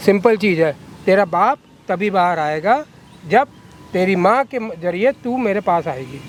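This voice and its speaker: Playing the villain in a short film, a man voices a corrupt, scheming lawyer who talks down to a girl, coaxing and threatening her with menacing, coercive condescension. His voice is high-pitched with lively intonation and a measured pace. A little hiss or hum sits under the recording.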